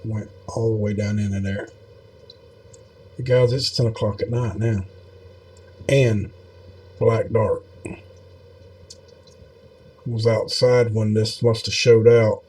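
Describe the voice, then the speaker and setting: A man's voice: on the low side, little pitch movement, slow, long pauses, a little mellow. A man giving casual, rambling video commentary in a folksy, meandering way, with many fillers. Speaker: video host.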